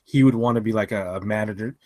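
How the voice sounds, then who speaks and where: A man's voice: fairly low pitch, quick pace, darkish tone, no echo. A man co-hosting a casual podcast chat, tired after a long work shift, rambling with lots of fillers and restarts. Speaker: podcast co-host.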